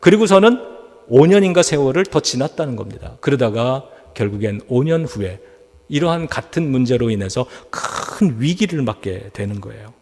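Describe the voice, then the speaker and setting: A man's voice: mid-range voice, expressive, moderate pace, a little mellow. A man preaching a sermon as a pastor, telling a story and acting out the voices of the people in it. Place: church sanctuary. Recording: church hall reverb.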